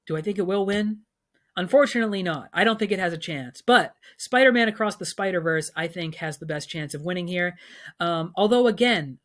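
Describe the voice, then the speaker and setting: A man runs through his film award picks in a relaxed, chatty vlog. He is opinionated and enthusiastic, and his talk is loose and filled with ums and uhs. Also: sits high. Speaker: film commentator.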